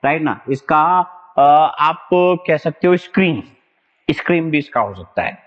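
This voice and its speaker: A young man giving an exam-prep vocabulary lesson at a whiteboard, talking in a loose, joking way with a habit of repeating the same tag phrase. His voice sits at a middle pitch. It rings with a long, hollow echo and comes through a dull, lo-fi recording. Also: animated, measured pace. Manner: casual, repeats "right na" often, jokey memory tricks. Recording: dull, echoey lo-fi classroom recording.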